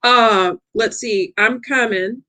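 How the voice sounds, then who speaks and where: A woman hosting a lively coaching livestream, chatty and excitable, talking straight to her audience. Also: a little high, takes it slowly, a little hiss or hum.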